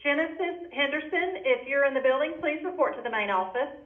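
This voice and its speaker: High woman's voice over a school PA. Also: expressive, fairly quick. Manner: formal, summoning. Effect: over a PA loudspeaker. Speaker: school office announcer. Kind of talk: public address announcement. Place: school building, heard through classroom speaker. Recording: tinny, noisy PA speaker from far off.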